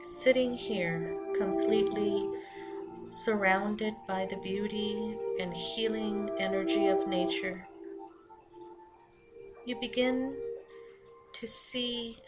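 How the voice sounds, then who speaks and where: A woman narrates a guided meditation in a soothing, measured manner, with lingering pauses between short phrases. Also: medium pitch. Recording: muffled lo-fi sound under loud music. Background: loud background music.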